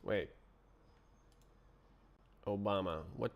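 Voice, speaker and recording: A man's voice: lowish voice, drawn-out words, gravelly, muffled recording. A man with a sick-sounding voice thinking aloud as he writes code on a stream, muttering half-finished thoughts to himself. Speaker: programmer streaming his coding. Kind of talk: thinking aloud while live coding.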